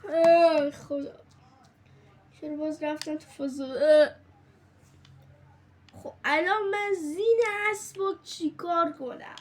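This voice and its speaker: A woman gaming streamer in casual let's-play commentary, excitable and jokey, often crying out, laughing and dropping into hushed whispers. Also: sits high, long pauses.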